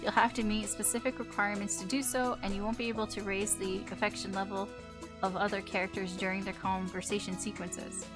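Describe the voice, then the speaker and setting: A woman's voice: medium pitch, level tone, a little fast. A woman streaming a game, chatting casually, laughing often, and retelling scenes in silly mock voices. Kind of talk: casual let's-play commentary. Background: game music.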